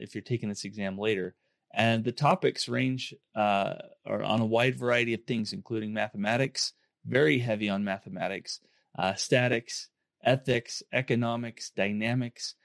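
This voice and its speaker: A man with a hoarse, under-the-weather voice, hosting a podcast in an informal, upbeat way. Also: fairly low pitch, no room sound, clean studio sound. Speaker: podcast host. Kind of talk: casual podcast talk to listeners.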